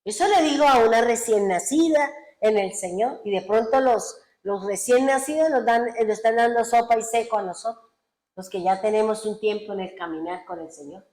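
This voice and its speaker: A woman's voice: a little high, moderate pace, darkish tone, roomy sound, low-quality recording. A woman pastor, preaching a sermon in an earnest, exhorting way.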